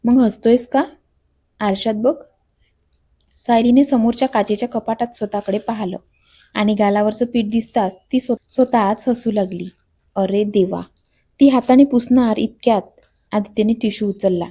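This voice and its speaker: A woman's voice: a little high, normal speed, long pauses, mellow, husky. A woman reading a romantic story aloud as narrator, speaking every character's lines in her own voice. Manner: reads all characters' dialogue in her own voice.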